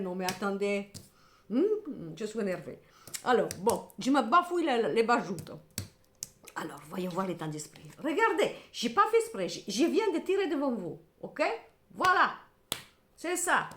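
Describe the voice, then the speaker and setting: A woman's voice: mid-range voice, a little hiss or hum. Middle-aged woman tarot reader, emphatic, scolding then consoling, in an echoey room. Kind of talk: tarot reading to camera.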